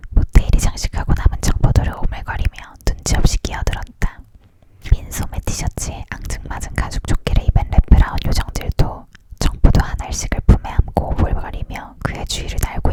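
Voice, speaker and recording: A person narrates a story and voices its dialogue in a near, leaning-in ASMR whisper, with no full-voiced speech at all.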